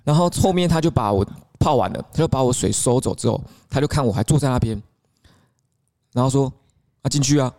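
A man's voice: medium pitch, expressive, fairly quick, mellow. A man with a Taiwanese Mandarin accent, co-hosting a podcast and telling a story in casual chat, chatty and often laughing. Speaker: podcast co-host.

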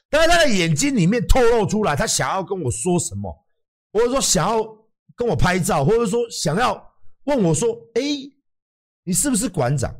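A man with a Taiwanese Mandarin accent, hosting a livestream and talking bluntly to his viewers, swearing freely and acting out other people's lines. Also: high-pitched. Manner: blunt, emphatic, swears freely, acts out quotes. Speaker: livestream host.

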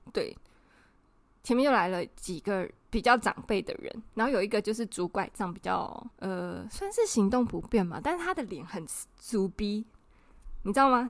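A woman, co-hosting a podcast and telling a story in an indignant, animated way, acting out the people she quotes. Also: mid-range voice, no echo. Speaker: podcast co-host. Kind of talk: casual storytelling chat.

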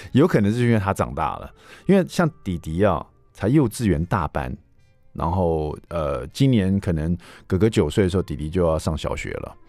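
A man in his thirties hosting a radio talk show, telling a story casually in an animated way, with a loud, ringing voice. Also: low voice, normal speed, no echo. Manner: animated, acts out the quotes he tells, with a loud, ringing voice. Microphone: studio mic.

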